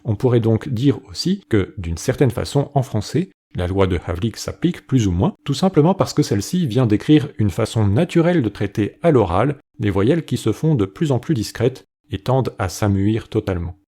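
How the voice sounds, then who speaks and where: A man giving a scripted educational narration about linguistics, explaining clearly and saying sample phrases aloud to show how they sound. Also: fairly low pitch, animated, normal speed, hardly any pauses, mellow. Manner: clear explanatory delivery, demonstrates pronunciations.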